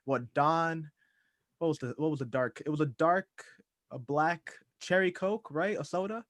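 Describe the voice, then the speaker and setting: A man's voice: a little high, a little slow, a bit bright, no room sound. A man from the Dominican Republic hosting a podcast interview, chatting in an enthusiastic, friendly way with frequent restarts. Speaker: podcast host. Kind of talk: casual interview chat.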